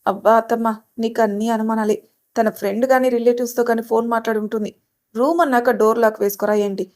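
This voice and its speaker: A woman's voice: on the high side, steady tone, fast, a little mellow, close to an everyday voice. Woman playing a talkative, playful young woman. Storybook reading. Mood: teasing. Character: chatty young woman, playful, easily hurt.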